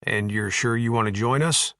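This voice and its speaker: A man's voice: medium pitch, normal speed, a bit bright, no echo, close to an everyday voice. A man voicing a tough ex-soldier in an audiobook, blunt and teasing in a dry way. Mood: wry teasing. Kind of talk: audiobook character voice.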